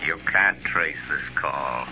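An actor playing the Shadow, a mysterious male crime-fighter who speaks slowly and commandingly, in 1930s radio drama style. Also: rumbling low, gravelly, faint music behind, full character voice. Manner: slow, menacing, commanding. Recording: dull, hissy 1930s radio broadcast.

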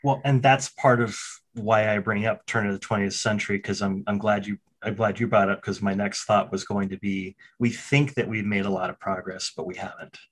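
Man, teacher, casual chat, animated, stumbles and restarts, playful. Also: on the low side, fairly quick, few pauses. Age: adult. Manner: animated, self-interrupting, repeats words, jokes. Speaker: special education teacher. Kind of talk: casual podcast conversation.

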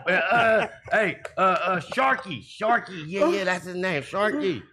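Man in his 30s, high voice, bright, loud and laughing, boastful storyteller in casual chat. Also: animated, a little slow. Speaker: podcast co-host.

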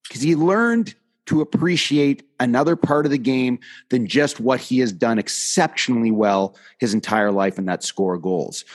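A man hosting a casual hockey podcast who argues emphatically. He piles up numbers and examples to drive his point home. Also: mid-range voice. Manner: emphatic, lists stats to make his point. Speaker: podcast host, former hockey player. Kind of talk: casual sports debate.

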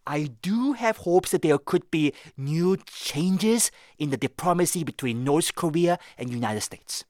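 A man voicing a live interpretation into English, his voice sitting a little high. He reworks phrases and restarts them as he goes. The sound is dry and close. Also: animated, a little slow, dry recording. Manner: rephrases mid-sentence, with restarts.

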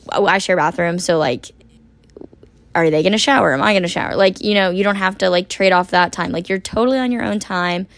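A woman in her twenties hosts a casual podcast by herself, chatting and rambling with plenty of "like." Her mid-range voice is hoarse and raspy after a long shift, and the recording has no echo.

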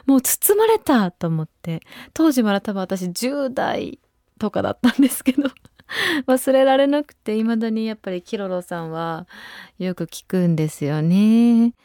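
Mellow-voiced woman radio host, chatty. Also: on the high side, unhurried, no room sound, clean studio sound. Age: 20s. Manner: chatty and relaxed, with frequent soft asides. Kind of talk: casual radio chat. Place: radio studio. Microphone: studio microphone.

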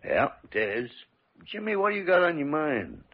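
A man playing a gruff, wry senior doctor and mentor in a classic American radio drama, with a dryly sardonic manner. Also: a little high, big pitch swings, normal speed. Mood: stern. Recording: dull vintage radio recording.

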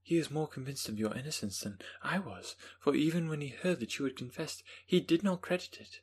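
A man's voice: on the high side, a little fast, darkish tone, breathy edge, voice pushed up. A man voicing a grieving young woman who pleads in distress for a condemned friend. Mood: reassuring.

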